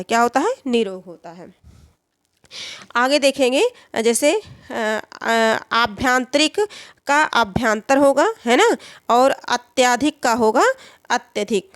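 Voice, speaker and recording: A woman's voice: a little high, dry recording, clean studio sound. A woman teaching a Hindi spelling exam lesson, who repeats each answer and asks and answers her own questions.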